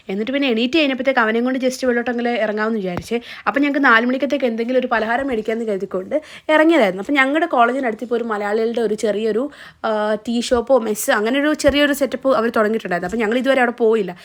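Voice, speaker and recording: A woman's voice: a little high, rapid-fire. A young woman, narrating a family vlog in a chatty, casual way. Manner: chatty, often adds a tag question. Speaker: vlogger.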